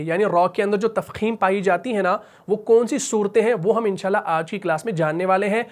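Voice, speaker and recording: A man with a Pakistani Urdu accent teaching Quran recitation rules, who asks the class questions, answers them himself and stretches out the example words slowly. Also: high-pitched. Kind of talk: spoken tajweed lesson at a whiteboard.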